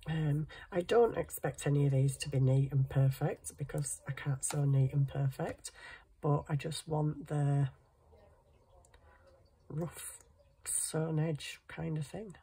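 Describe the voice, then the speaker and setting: Sniffing through a cold, this middle-aged craft channel host talks casually and self-deprecatingly as she hand sews indoors at a cluttered craft table. Her husky, nasal voice is low and dark, steady in tone, and slow-paced. The low-quality recording has slight background noise.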